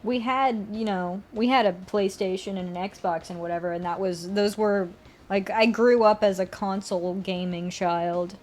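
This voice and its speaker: A woman's voice: medium pitch, fairly even intonation, moderate pace, a little mellow, faint music behind. A young woman streamer chatting casually while drawing, rambling and correcting herself, often laughing.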